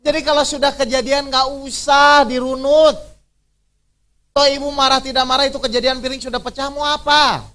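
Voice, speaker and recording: A man's voice: very high voice, level tone, moderate pace, pushed and bright. A male preacher leading an interactive religious workshop, constantly quizzing his audience with questions and teasing them through everyday examples.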